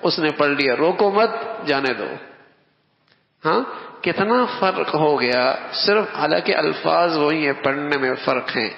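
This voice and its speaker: A man's voice: fairly high pitch, gravelly. A man preaching a sermon who repeats key phrases for emphasis and recites quotations in Arabic. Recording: echoey hall, dull lo-fi sound.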